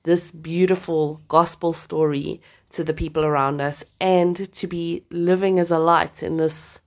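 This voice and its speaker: A woman's voice: deep voice, steady tone, a little slow. A woman co-hosting a casual faith chat, enthusiastic and laughing often, her voice a little stuffy from a cold. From Southern Hemisphere. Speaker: podcast co-host.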